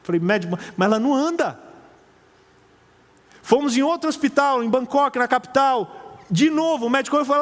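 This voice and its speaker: High-voiced male preacher in a reverberant hall. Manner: storytelling, acts out quoted dialogue with rising pitch. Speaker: missionary preacher. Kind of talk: sermon testimony.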